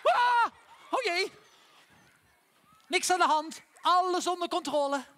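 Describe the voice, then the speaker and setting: An actor playing a cheerful, naive, childlike clown on stage, chatting playfully with the children in the audience. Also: male voice, very high voice, lively intonation, takes it slowly, bright, forceful tone, full character voice. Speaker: stage comedian. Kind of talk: live children's theatre comedy. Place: theatre stage.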